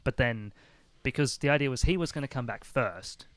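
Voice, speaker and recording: A man's voice: mid-range voice, moderate pace, no echo. A man hosting a casual podcast chat, rambling with many restarts. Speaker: podcast host.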